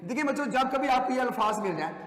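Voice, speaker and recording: High-pitched male teacher, echoey room. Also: lively intonation, fast talker, a bit bright. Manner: emphatic, repetitive, addresses students as children. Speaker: English teacher. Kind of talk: classroom lecture at a whiteboard. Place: classroom. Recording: echoey classroom, long reverb.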